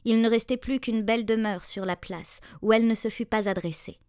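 A woman narrating a fairy tale in a measured, expressive reading voice. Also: on the high side, clear, resonant tone, no room sound, studio quality. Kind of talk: storybook narration.

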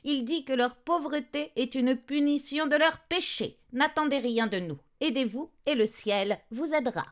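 A woman voicing a wrinkled old female servant who speaks curtly and hushed in a storybook reading. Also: high voice, moderate pace, voice pushed up, natural voice. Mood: cold refusal. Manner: curt, hushed, final.

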